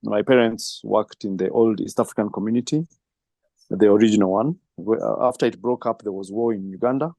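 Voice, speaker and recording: A middle-aged man answering interview questions, reflective and storytelling, with soft laughs. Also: on the low side, brisk, no echo. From Kenya. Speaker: filmmaker and film trainer.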